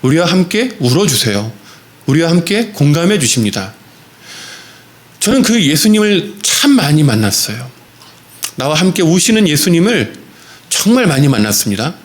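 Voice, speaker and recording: A man's voice: a little high, very animated, normal speed, long pauses. A male pastor preaching a sermon in a church, telling a story with repeated phrases and a few fillers.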